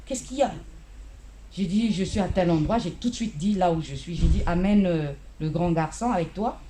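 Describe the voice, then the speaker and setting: A woman giving an emotional spoken testimony at a memorial gathering, halting and searching for her words. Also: on the low side, mellow, a little hiss or hum. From Central Africa.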